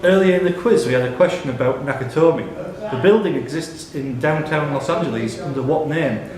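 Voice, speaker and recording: Hosting a live pub quiz indoors, a man reads questions out to the players in a brisk voice on the high side while a crowd murmurs behind him. The room is very echoey, the mic is distant, and background noise comes through.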